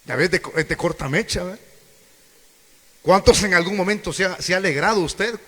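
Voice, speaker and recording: A man's voice: high voice, fairly quick, a bit bright. A man preaching a sermon, questioning the congregation and acting out quoted voices. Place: church hall. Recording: echoey church hall.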